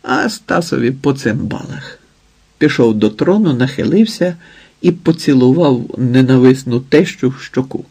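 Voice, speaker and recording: Male audiobook narrator, even delivery, rough husky tone. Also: mid-range voice, moderate pace. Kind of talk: scripted narration.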